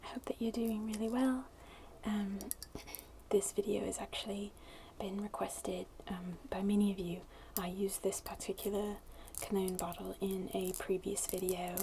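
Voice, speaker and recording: Speaking at normal speed with a medium pitch and fairly even intonation, this ASMR video creator keeps her delivery very soft, breathy and hushed as she casually, haltingly chats to viewers. Close to the mic at an indoor wooden table, she taps and scratches a glass bottle with her fingernails, making a clicky sound.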